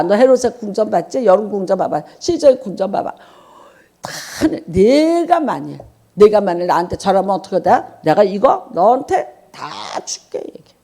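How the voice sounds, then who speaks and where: A woman's voice: medium pitch, dark tone. A woman pastor preaching a Sunday sermon, putting questions to the congregation and acting out quoted voices. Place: church.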